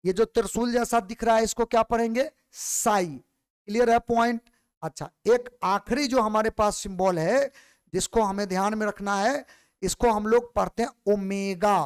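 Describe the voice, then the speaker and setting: A man's voice: high-pitched, moderate pace, smooth. A male physics teacher, lecturing patiently and repeating questions back to his students. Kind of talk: classroom lecture.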